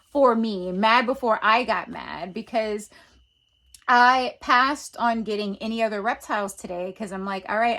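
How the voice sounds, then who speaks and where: A woman chatting in a casual vlog, excitable and full of casual slang. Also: mid-range voice. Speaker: reptile keeper vlogger. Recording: noisy background ambience.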